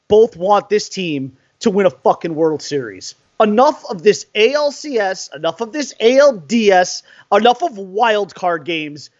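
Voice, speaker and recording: Fired-up, high-voiced man ranting about sports. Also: no echo. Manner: fired-up, exasperated, profane rant. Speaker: sports podcast host. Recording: dry, dull lo-fi sound.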